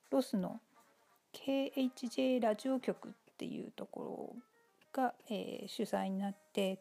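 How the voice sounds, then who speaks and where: A woman giving relaxed, casual spoken commentary on a TV episode, polite and chatty with many fillers. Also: medium pitch.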